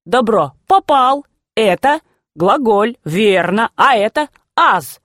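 A woman voicing a gruff, excitable old grandfather in a storybook reading. He shouts, teases and banters in rough folk speech. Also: on the high side, slow pace, no room sound, clean studio sound. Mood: gleeful teaching.

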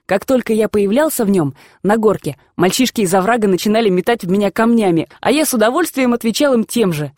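A woman reads a classic novel aloud in calm, even storytelling. Her voice sits at an ordinary middle pitch. The recording is dry and close, with no room sound. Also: fast, hardly any pauses, no room sound. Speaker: audiobook reader. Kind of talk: scripted narration of a classic novel.

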